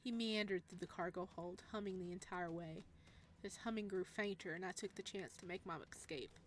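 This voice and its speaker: Fairly low-pitched and steady, a woman moves at a quick clip through a visual novel, reading its lines aloud. She's a let's player who comments casually, giggling and reacting playfully throughout.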